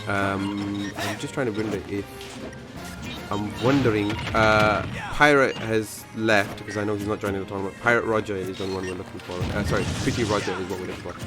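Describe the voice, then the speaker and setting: A man's voice: lowish voice, fairly even intonation, a little fast. A man hosting a live game tournament stream, chatting casually with viewers, rambling with many fillers and self-corrections. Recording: game music playing behind.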